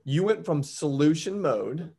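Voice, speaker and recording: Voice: mid-range voice, lively intonation, measured pace, dark tone, husky. A recruiting coach hosting an interview, affirming the guest and drawing lessons out for the audience. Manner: affirming, coaching, many backchannels.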